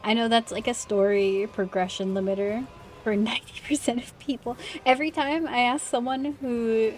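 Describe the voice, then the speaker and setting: While playing a game on a livestream, a woman talks casually with her audience and keeps saying sorry. She speaks at a moderate pace in a fairly high voice with fairly even intonation.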